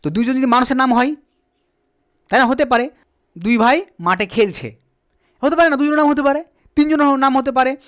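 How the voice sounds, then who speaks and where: A male teacher explaining grammar in a patient, repetitive way, asking questions and answering them himself, sometimes spelling words out slowly letter by letter. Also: extremely high pitch, a bit bright. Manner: asks and answers his own questions. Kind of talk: spoken English grammar lesson.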